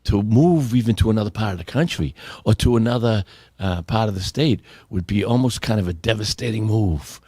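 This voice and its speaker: Older guy in his 60s hosting an interview show, low voice, lots of ums and restarts, dry sound. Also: warm tone, husky, no echo. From Massachusetts. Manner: halting, many fillers and restarts. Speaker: host. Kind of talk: casual interview.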